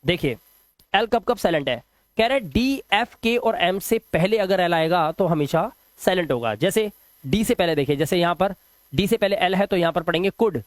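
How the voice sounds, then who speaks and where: A man's voice: high-pitched, animated, moderate pace, dry recording. Patient male English teacher, dry close mic. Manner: patient, explains step by step with repeated examples. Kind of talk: classroom-style lesson explaining silent letters.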